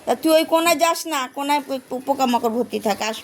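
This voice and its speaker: A woman's voice: high voice, quick pace, a little hiss or hum. A woman in a casual chat coaxing and calling to her pet birds, with sing-song repeated calls.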